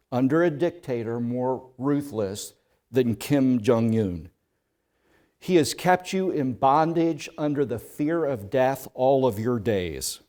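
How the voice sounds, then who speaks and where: During his sermon, a male pastor with a mid-range voice recounts a story in the second person, rising from hushed passages to loud ones.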